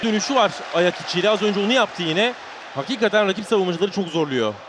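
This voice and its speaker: Fast-talking male football analyst, high voice. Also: lively intonation. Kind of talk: live analytical commentary. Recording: loud stadium crowd noise behind voice. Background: stadium crowd.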